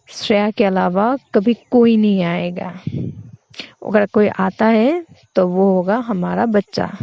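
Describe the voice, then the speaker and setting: A woman reading as a calm, teasing young woman in a romance story, soothing and playful. Her voice is mellow with a gravelly grain, and the recording is dry and dull. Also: mid-range voice, no echo. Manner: reassuring, playful.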